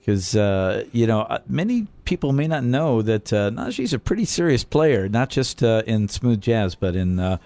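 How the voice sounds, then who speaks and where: A man's voice: fairly low pitch, big pitch swings, normal speed, hardly any pauses, dark tone, no echo. A man hosting a radio show, chatting casually with a guest in the studio, with easygoing delivery and frequent filler words. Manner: easygoing, lots of filler words, lists names. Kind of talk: casual radio interview chat. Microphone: studio microphone.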